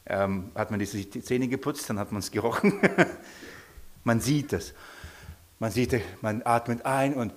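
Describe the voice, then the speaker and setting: A man preaching a sermon, asking his listeners questions and often dropping into a soft, low voice. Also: a little slow, pauses often.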